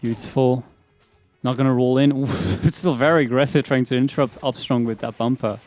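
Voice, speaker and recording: Excitable young male esports commentator. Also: mid-range voice, soft background music. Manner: excitable, laughs often, quick reactions. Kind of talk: live tournament commentary.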